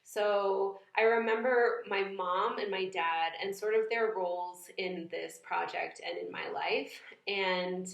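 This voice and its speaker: A young New England woman vlogs casually from a room in her home, the recording echoey. She muses thoughtfully in a medium-pitched voice with vocal fry, hesitating often with fillers and false starts.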